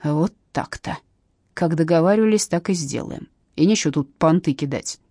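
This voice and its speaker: A woman's voice: low-pitched, moderate pace, dark tone, dry recording, clean studio sound, voice pushed down. A woman voicing a shifty, thin male crook who hisses crude threats in an audiobook. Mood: angry hissing. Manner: hissing, snarling threats.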